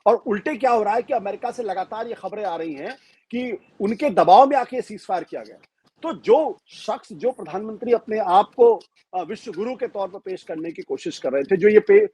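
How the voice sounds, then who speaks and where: A man with a husky, fairly high voice, analyzing politics in an interview. He talks in a measured way, leaning hard on key points and pausing on fillers. The sound is dry and close. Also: dark tone, dry recording. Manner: measured, emphatic, frequent fillers and restarts. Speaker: political commentator.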